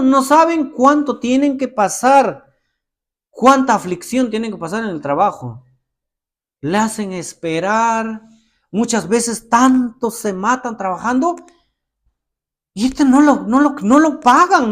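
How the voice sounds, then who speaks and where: Pastor preaching, high and lively. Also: male voice. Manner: expressive preaching, acting out prayers and letters. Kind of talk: sermon.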